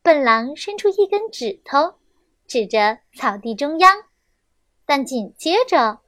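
A young woman reading a children's story aloud, gentle and expressive, on a close mic. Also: high-pitched, slow pace, no room sound.

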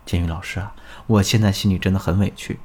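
A man's voice: medium pitch, very animated, quick pace, voice pushed up. A man voicing an upset young wife who pleads and complains about her husband. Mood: aggrieved. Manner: pleading, plaintive.

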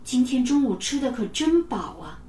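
A woman's voice: high-pitched, very animated, moderate pace, distant mic. A woman voicing a greedy, proud schoolboy who boasts and wails dramatically in a children's story. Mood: boastful. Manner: boastful, loud complaining whines. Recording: roomy, from off the mic.

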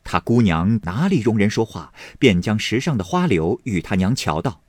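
A man narrates a classic novel in a low, husky voice, full of expressive lifts and drops. The sound is dry and close to the mic. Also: normal speed, no room sound. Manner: expressive, animated. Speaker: audiobook reader.

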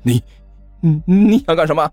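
A man's voice: mid-range voice, wildly swooping pitch, a little mellow, husky, no room sound, faint music behind, full character voice. A man doing a brash, hot-tempered young man. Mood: nervous. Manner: quick brash retorts, stammering. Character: short-tempered, cocky young man who stammers when scared.

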